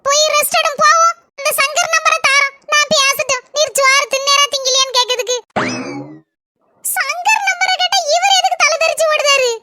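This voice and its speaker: Shrill, quarrelsome cartoon wife. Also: female voice, pushed and bright, dry recording. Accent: Kanyakumari Tamil. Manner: scolding, quick comebacks. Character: young wife, sharp-tongued and quarrelsome.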